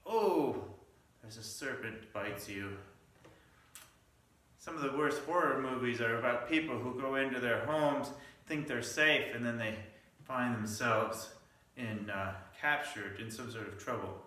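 A male pastor preaches a midweek Lenten sermon in a church sanctuary, telling stories with asides and small restarts. His medium-pitched voice has a sharp tone and an unhurried pace. The mic is at a distance, and the sanctuary sounds echoey.

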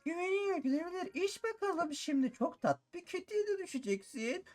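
A man voicing a slow, sly potion maker in a game role-play, speaking in a drawn-out, coaxing way. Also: extremely high pitch, animated, darkish tone, soft background music, voice pushed up.

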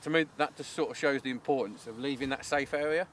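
A man in his thirties, an angling coach, explaining his rig and bait step by step in a relaxed, practical way, recorded outdoors by a lake. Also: medium pitch, fast, a little hiss or hum. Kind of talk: instructional fishing talk. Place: outdoors at a lakeside fishery.

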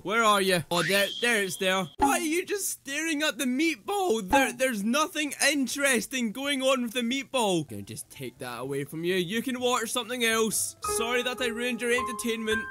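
A man giving goofy, comedic gameplay commentary, breaking into laughter and loud exclamations, with game music behind. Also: extremely high pitch. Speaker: gaming YouTuber.

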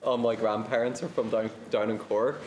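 A man's voice: lowish voice, flat delivery, normal speed, darkish tone, a little hiss or hum. A young man from Belfast with a Northern Irish accent, chatting casually and self-deprecatingly. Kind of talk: casual chat. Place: indoor restaurant. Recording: roomy restaurant with crowd chatter.

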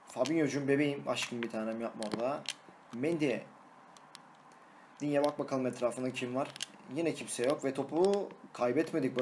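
A young man, a gaming YouTuber, giving excitable live commentary on his own match, shouting and singing at goals and teasing his opponent. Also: mid-range voice, slight background noise.

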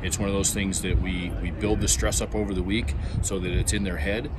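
A middle-aged man, a fire academy instructor, explaining training in a relaxed, plainspoken way with some fillers. He is being interviewed on an outdoor training ground. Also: deep voice, fairly quick. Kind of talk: on-camera interview. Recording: loud outdoor ambient noise.

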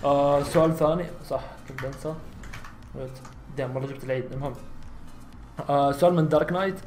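A nineteen-year-old Saudi man talks fast through his gameplay in a Saudi Arabic accent, answering questions in a slightly raised voice. The room rings with a noticeable echo and a faint hum. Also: fairly high pitch, steady tone. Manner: chatty, bursts into loud exclamations during fights. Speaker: gaming YouTuber. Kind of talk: casual gameplay commentary with Q&A. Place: small room at home, seen on facecam.

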